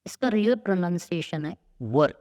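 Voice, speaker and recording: A man's voice: sits high, expressive, a little slow, a little mellow, long reverb tail. A man from Maharashtra, a spoken English coach, answering podcast questions in an emphatic, persuasive way. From Maharashtra, India. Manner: emphatic, mixes Hindi and English.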